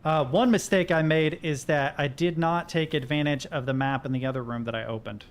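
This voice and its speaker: Brisk and fairly high-pitched, this Kentucky streamer narrates his own gameplay in a casual way, muttering to himself and reading out in-game notes. A little background noise can be heard.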